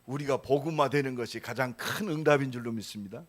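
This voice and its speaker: A man's voice: medium pitch, quick pace. Man in his sixties preaching emphatically. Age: 60s. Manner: emphatic preaching with sudden loud rises; conversational storytelling asides. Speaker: pastor. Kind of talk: sermon.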